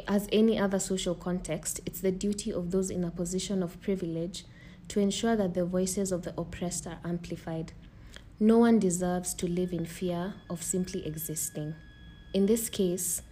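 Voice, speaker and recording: A woman's voice: fairly low pitch, warm tone, a little hiss or hum. A woman with a Kenyan accent hosting a podcast, talking and reading aloud to her listeners. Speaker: podcast host. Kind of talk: podcast talk, partly read aloud.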